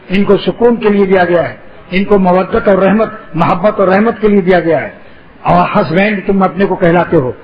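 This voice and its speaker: Male preacher, high-pitched, humorous sermon with wordplay; muffled lo-fi sound. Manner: playful wordplay, teasing. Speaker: Islamic preacher.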